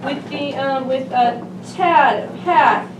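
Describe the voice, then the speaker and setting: High-voiced woman hosting an improv show. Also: takes it slowly, lo-fi sound. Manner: chatty, laughing, coaxing the audience. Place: small theater stage. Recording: far, echoey room with crowd noise.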